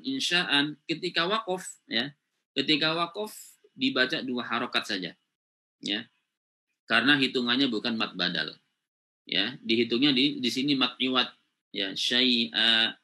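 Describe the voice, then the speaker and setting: A man's voice: medium pitch, pushed and bright. A man teaching Quran recitation rules in an online class, explaining step by step with frequent "ya" and "gitu ya" checks.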